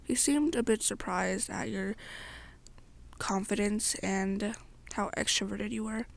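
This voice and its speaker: In this ASMR roleplay, a young woman speaks directly to the listener as "you," her breathy voice occasionally slipping toward a whisper. She has a mid-range voice with fairly even intonation and a slow pace.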